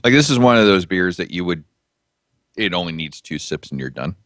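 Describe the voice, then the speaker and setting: Man, very low voice, dry close sound, casual rambling podcast chat, easygoing. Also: lively intonation, brisk, a bit bright, no echo. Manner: rambling, easygoing, self-deprecating jokes. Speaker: podcast co-host reviewing beer.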